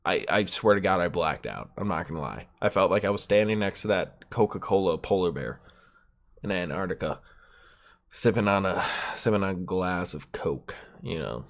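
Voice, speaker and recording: A man with a very low voice talks through a solo podcast episode, loose and meandering. He swears freely and leans on fillers, and he sounds stuffed up. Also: lively intonation, moderate pace. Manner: rambling, profane and laid-back, with many fillers. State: stuffed-up nose. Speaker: podcast host. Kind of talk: solo casual podcast chat.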